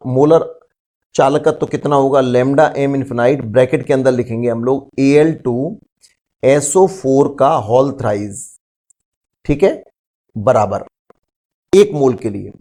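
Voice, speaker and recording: A man's voice: mid-range voice, dark tone. Man teaching chemistry, question-and-answer style. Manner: explains step by step, asks rhetorical questions, calls students "beta". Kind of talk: classroom lecture.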